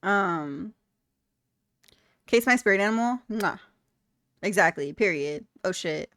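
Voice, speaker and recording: A woman's voice: mid-range voice, expressive, slow pace, a bit bright, dry recording. A young woman streaming live, chatting candidly with her viewers, blunt and laughing often. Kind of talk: casual chat reading viewer comments.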